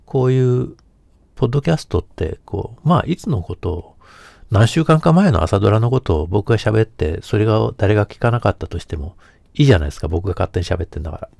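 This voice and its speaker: A man's voice: fairly low pitch, animated, fast, creaky, darkish tone, dry recording. A man hosting a casual solo podcast who talks in a meandering way, hesitating often and correcting himself. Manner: meandering, self-correcting talk with many hesitations. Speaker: podcast host.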